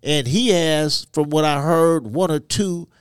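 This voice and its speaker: Man, slightly high pitch, halting testimony, interview guest, dry recording. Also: clean tone, dry recording. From Ivory Coast, West Africa. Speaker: podcast guest. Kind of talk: personal testimony in a conversational interview.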